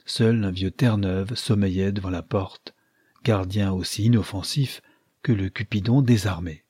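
A man narrating an audiobook in a calm, measured reading. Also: fairly low pitch, breathy edge, no echo, studio quality.

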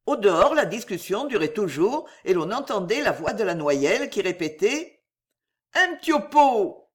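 A woman's voice: medium pitch, normal speed. A woman narrating a novel as an audiobook, reading expressively. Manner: expressive reading, acts out each character.

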